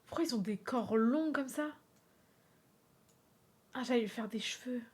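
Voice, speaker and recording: A playful woman streaming a drawing game, her voice sitting high and bright. She talks at an unhurried pace, chatting with viewers between quick exclamations. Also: breathy edge. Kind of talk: live-stream commentary while drawing in a game.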